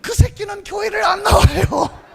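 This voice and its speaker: A woman voicing a fed-up middle-aged wife who loudly gripes and swears about her husband in a comic church skit. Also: extremely high pitch, moderate pace, creaky, a crowd in the background, pitched above the performer's own voice, full character voice. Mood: aggrieved. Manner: loud, coarse, swearing complaints. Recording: long hall reverb.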